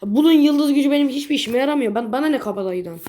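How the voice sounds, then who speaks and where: A young woman with a fairly high voice talks through her game as she plays, in loose, chatty commentary. She is blunt and quick to grumble, tossing out mild swears when things go wrong. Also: animated, warm tone. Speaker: gaming video creator. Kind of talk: casual gameplay commentary.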